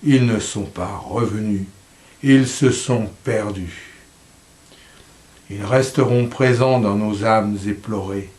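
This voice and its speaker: Slow, solemn man reading poetry. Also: fairly low pitch, echoey room. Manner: slow, solemn reading with soft dropping line endings. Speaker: poetry reader. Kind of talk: poetry recitation.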